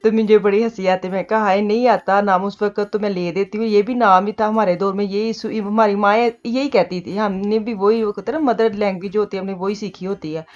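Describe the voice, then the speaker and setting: A chatty middle-aged woman with a Punjabi accent talks through her morning at home. Her voice sits in a middle register and comes through a slightly dull, muffled recording. She rambles warmly between topics and slips Punjabi words into her talk. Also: medium pitch, fairly even intonation, brisk, hardly any pauses. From Pakistan. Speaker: vlogger. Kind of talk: casual chat. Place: home kitchen.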